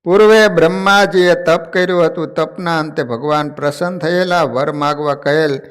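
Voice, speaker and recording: A man's voice: on the high side, steady tone, normal speed, a bit bright, clear, resonant tone. A man narrating a devotional story, animating the characters as he tells it. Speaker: religious storyteller.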